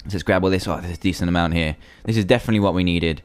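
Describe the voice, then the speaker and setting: A young man talks his way through a survival game in a smooth, clear voice that sits a little low. He chatters casually and slips easily into nervous panic. The sound is dry and close, with no room around it. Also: very fast, dry recording. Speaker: gaming video creator. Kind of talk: casual gameplay commentary.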